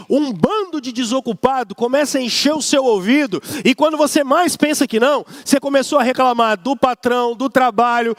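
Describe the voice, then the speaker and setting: A man's voice: very high voice, no room sound, studio quality. A man with a Brazilian accent preaching a sermon as pastor, emphatic and repetitive, often mimicking grumbling people. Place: church service.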